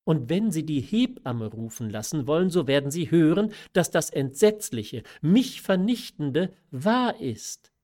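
A man's voice: a little high, big pitch swings, a little slow, hardly any pauses, a little mellow. A man reading aloud who voices a desperate, pleading young noblewoman in a classic story. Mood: imploring. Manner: emotional, imploring. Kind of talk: audiobook reading of a classic novella.

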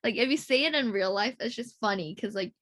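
A woman's voice: a little high, brisk, fairly bright tone. A young woman chatting casually over a video call, giggly and hesitant with lots of fillers. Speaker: co-host.

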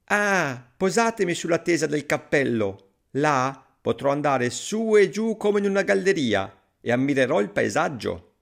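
Brief: a tiny eager boy for a fairy-tale reading, high and chirpy, voiced by a man. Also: sing-song, measured pace, creaky, full character voice. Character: tiny thumb-sized boy, bright and eager.

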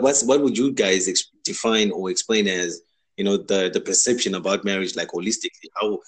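A man from Africa with a fairly low voice, asking questions in a casual interview. He searches for words and repeats himself as he works out what he wants to ask. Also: rough recording.

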